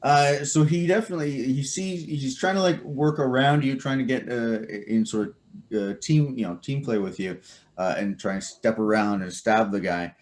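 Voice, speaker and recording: A man narrating as game master of a tabletop game, animated and full of fillers and laughs. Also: mid-range voice, normal speed.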